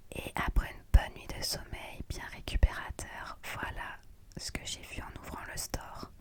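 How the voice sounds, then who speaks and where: Everything here is whispered: a woman narrates her trip in a travel vlog, keeping it soft and hushed as though it's night. She leans close to the microphone ASMR-style while recounting events vlogger-fashion.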